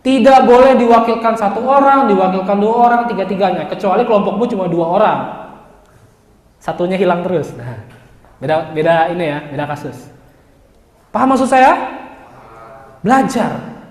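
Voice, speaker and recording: A young man in his twenties, a university lecturer, teaching a class in a lively, joking way and speaking straight to his students. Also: high voice, moderate pace, pauses often. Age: 20s. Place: large classroom. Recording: echoey classroom with long reverb.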